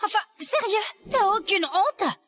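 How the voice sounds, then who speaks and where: An actress dubbing a sharp-tongued sister who sneers with contempt. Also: female voice, extremely high pitch, very animated, measured pace, full character voice. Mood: scornful. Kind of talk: French-dubbed drama.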